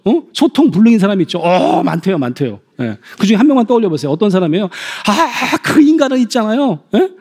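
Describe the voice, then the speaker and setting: A middle-aged man giving a stage lecture to an audience, animated, acting out parents and children in quoted voices. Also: high voice, slightly rough, big-room sound.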